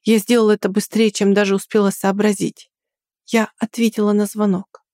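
Woman with a dark, dry narrating voice. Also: mid-range voice, flat delivery, brisk, no echo. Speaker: audiobook narrator. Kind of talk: first-person story narration.

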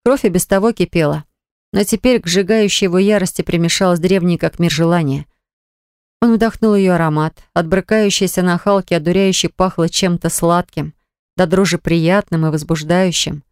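A woman narrating a romance novel in a measured, expressive reading style. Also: fairly low pitch, clear, resonant tone, dry recording, clean studio sound. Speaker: audiobook narrator.

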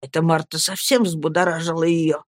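A woman reading an audiobook, voicing a tender young man who gently soothes his fiancée. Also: sits low, fairly even intonation, moderate pace, dry recording, studio quality. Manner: soft, soothing.

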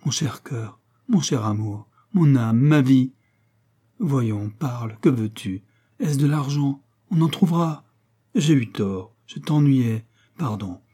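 A man's voice: mid-range voice, expressive, takes it slowly, warm tone, husky, voice pushed up. A man voicing a desperate woman in love, pleading and tearful, in an audiobook reading. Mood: adoring.

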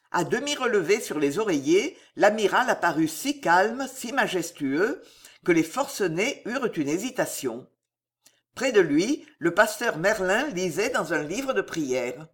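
An audiobook reader narrating a dramatic historical novel in a slow, expressive storytelling manner. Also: mid-range voice.

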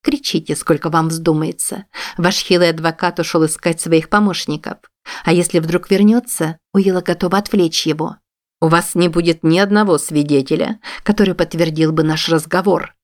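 A woman reading a cold, calmly menacing woman. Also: on the low side, normal speed, no echo, studio quality, natural voice. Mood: quietly menacing. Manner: calm, quietly menacing. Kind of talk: audiobook reading.

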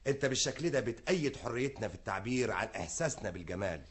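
A man playing a formal, smooth-talking mysterious visitor who keeps a secret, in a radio comedy. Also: medium pitch, animated, rapid-fire, lightly acted. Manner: smooth and formal, turning demanding.

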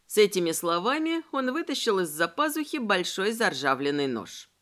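Expressive woman reading an audiobook. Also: medium pitch. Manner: expressive, measured storytelling. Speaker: audiobook narrator. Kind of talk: scripted narration.

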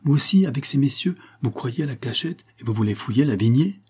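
A man voicing a troubled village molder who stammers and speaks in a hushed, uneasy way. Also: medium pitch, animated, fairly quick, slightly rough, voice pushed up.

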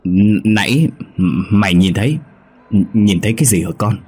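A gluttonous old landlord snarls through his teeth, as a man puts him on. The voice sits deep and husky, harsh in manner. It belongs to a narrated ghost story. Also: normal speed, darkish tone, faint music behind. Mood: fearful. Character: greedy bad-tempered old landlord.

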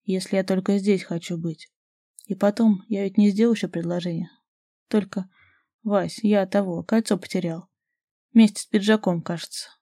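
A woman's voice: medium pitch, steady tone, normal speed, warm tone, no room sound, clean studio sound, lightly acted. Woman doing a confident young man in love. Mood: tender teasing.

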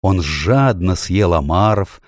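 A man narrating a storybook in a measured, expressive way. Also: low-pitched, dry recording, clean studio sound. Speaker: audiobook narrator.

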